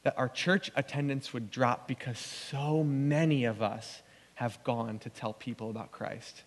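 A man's voice: medium pitch, steady tone, a little slow. Earnest male pastor in a reverberant church. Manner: earnest, conversational preaching with restarts. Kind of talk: sermon. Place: church sanctuary. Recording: long church hall reverb.

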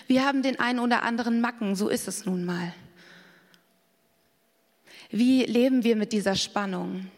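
A woman's voice: fairly high pitch, a little mellow. A woman giving a candid, personal sermon, often acting out the voices she quotes. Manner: candid, self-revealing, acts out quoted voices. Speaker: preacher. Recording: long reverb of a hall.

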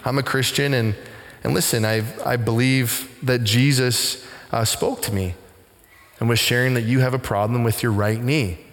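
A middle-aged man, a pastor, telling a story in a conversational sermon and growing animated as he recounts it. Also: normal speed. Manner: conversational, animated when retelling, rising pitch in excitement. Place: church sanctuary. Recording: long hall reverb in a church.

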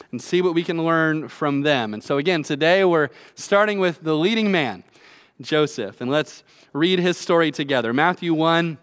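A man's voice: fairly high pitch, fairly bright tone, smooth. A man preaching a sermon as pastor from a church stage at a pulpit microphone, in a chatty, conversational way with filler words.

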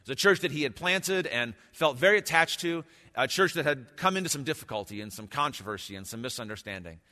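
Bright-voiced pastor at a pulpit microphone. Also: male voice, medium pitch, lively intonation, a little fast. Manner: conversational, reflective preaching. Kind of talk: sermon. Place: church sanctuary. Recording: long church hall reverb.

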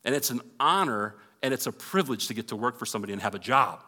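A man's voice: medium pitch, expressive, fast talker, pushed and bright, big-room sound. A male pastor preaching a conversational sermon in a church and leading an earnest prayer. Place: church sanctuary.

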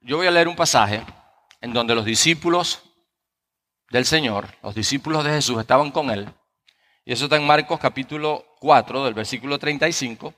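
A pastor delivering a sermon, telling a personal story with frequent tag questions before reading scripture. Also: male voice, mid-range voice, normal speed, sharp tone. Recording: long reverb of a large hall.

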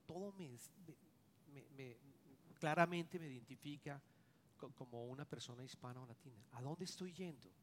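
A middle-aged man preaching a sermon as pastor, earnest and confessional, swinging between loud stressed words and hushed asides. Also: mid-range voice, moderate pace, big-room sound, a little hiss or hum.

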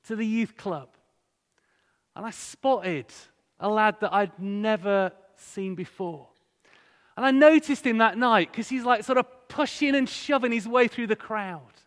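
Speaking live before a congregation in a large, echoey church hall with long reverb, a visiting speaker from Hull gives a sermon-style talk with a northern English accent. He mixes stories with conversational questions for the audience, in a high-pitched, fairly bright voice.

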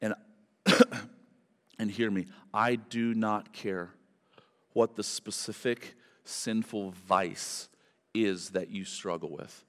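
A man's voice: on the low side, steady tone, slow. A male pastor preaching a sermon at a pulpit microphone in a church, emphatic and building to fervent repetition. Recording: long hall reverb from a church.

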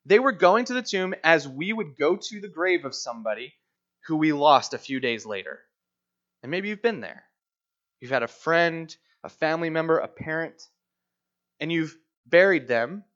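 A male pastor with a fairly high voice delivers a lively, conversational sermon. He moves between reading scripture and playful asides, putting on quick voices for the people in the story. The recording sounds a little dull and lo-fi. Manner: conversational, animated, acts out quoted voices.

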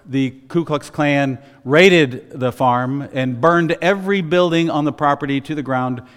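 Storytelling pastor, man, higher voice, emphatic swells, long church reverb. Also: a little slow. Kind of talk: sermon. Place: church sanctuary.

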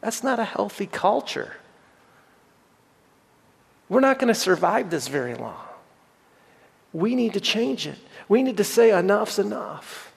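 A man's voice: high-pitched, big pitch swings, unhurried, creaky, long pauses, breathy edge. A middle-aged man preaching a sermon as pastor, earnest and repeating phrases for emphasis. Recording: long hall reverb.

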